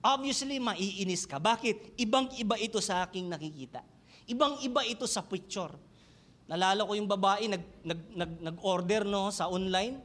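A man's voice: high-pitched, normal speed, fairly bright tone. A man with a Filipino accent preaching a sermon in church, switching between Tagalog and English and asking the congregation questions. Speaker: pastor.

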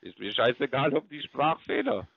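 A man with Russian as his first language, hurling insults in halting, broken German over the phone. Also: medium pitch, animated, gravelly, husky, dry recording, lo-fi sound. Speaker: scam caller.

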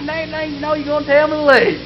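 Man doing a hollering high-pitched hillbilly. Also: little pitch movement, fast talker, slight background noise, heavily acted. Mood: indignant. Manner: loud, hollering, drawling. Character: rowdy hillbilly man, wild and crude. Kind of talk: comedy sketch banter.

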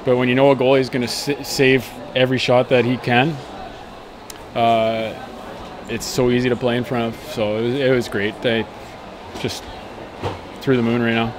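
A man's voice: mid-range voice, little pitch movement, normal speed, pauses often, noisy background. A man in his thirties, a hockey player, giving an earnest, upbeat post-match interview outdoors at night into a handheld mic, with frequent fillers. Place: outdoors at night beside an arena.

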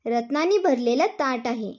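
A woman voicing a secretive fairy bride from a folk tale who answers her husband hesitantly and quietly. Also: high-pitched, lively intonation, normal speed.

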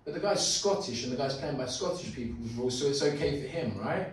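A man in his twenties giving an informal, earnest, rambling live piece to an audience, swearing now and then and sounding halting and nervous with stage fright. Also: medium pitch, animated. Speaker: open mic speaker. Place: small indoor open mic venue. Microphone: handheld mic, filmed by phone from audience. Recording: echoey room from far off, faint noise.

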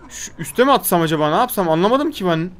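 High-voiced man commentating a game, exasperated. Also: animated, quick pace, a bit bright. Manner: exasperated, chatty, scolds the game character. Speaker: gaming video host. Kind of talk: gameplay commentary.

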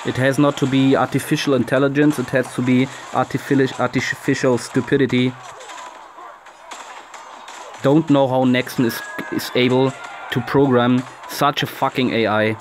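A man's voice: medium pitch, level tone, normal speed, a little hiss or hum. A young man with a German accent commentates a strategy game he is playing at home, cursing at his troops and talking to his viewers. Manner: frustrated, swearing, talks to viewers. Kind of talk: casual gameplay commentary.

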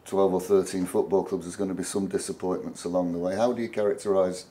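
A man's voice: sits low, flat delivery, fast, mellow, breathy edge. A man interviewing a club chairman, asking leading, conversational questions.

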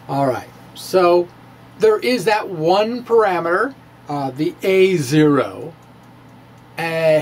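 A middle-aged science video blogger reads his script like a dramatic performance, theatrical and emphatic, drawing out words and adding asides. He goes slowly, stresses words heavily, and swings his pitch widely. He records in a small indoor room with bookshelves on a close stand mic in front of him, with faint noise behind.

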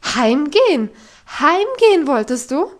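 A woman reading as a strict housekeeper, loud and high-strung, firing off indignant scolding in a storybook reading. The voice sits high and keeps up its outraged scolding. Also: sing-song, unhurried. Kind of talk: audiobook reading.

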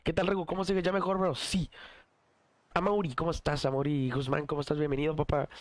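Mexican male streamer, mid-high voice, cough-roughened, dry close mic, hyped slangy chatter. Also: level tone, fast, no room sound. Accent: Mexican Spanish. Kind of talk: casual live-stream chat.

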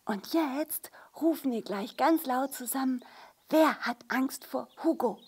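A woman's voice: high voice, animated, unhurried. A woman puppeteer voicing a cheeky young male dog in a children's puppet show, who teases, mimics and barks. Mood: scheming.

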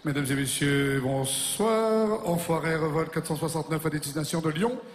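A man's voice: a little high, normal speed, close to an everyday voice. A man playing an airline captain in the cockpit who runs the pre-flight checklist and makes goofy cabin announcements, cracking puns. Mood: jokey announcing. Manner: goofy, pun-loving, chuckles at his own jokes. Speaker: pilot making cabin announcements. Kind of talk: stage comedy sketch. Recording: echoey large hall with ambient noise.

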